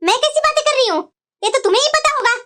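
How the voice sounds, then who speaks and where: A woman's voice: lively intonation, rapid-fire, bright, forceful tone, exaggerated voice. A woman voicing a suspicious, quarrelsome middle-aged mother-in-law in a cartoon, nagging and accusing. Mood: angry, accusing. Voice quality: shrill, very high cartoonish voice. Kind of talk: Hindi cartoon voice acting. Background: background music.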